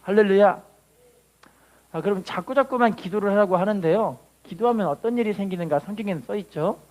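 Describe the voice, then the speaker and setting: A man's voice: a little fast, darkish tone. A man preaching a sermon as pastor, leading the congregation in call and response with dramatic swells. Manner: preaches with dramatic rises in pitch and volume.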